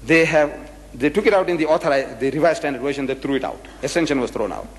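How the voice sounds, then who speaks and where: An older man giving a public religious lecture, emphatic and lively, repeating and acting out phrases as he argues. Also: a little high, fast talker, big-room sound, a little hiss or hum.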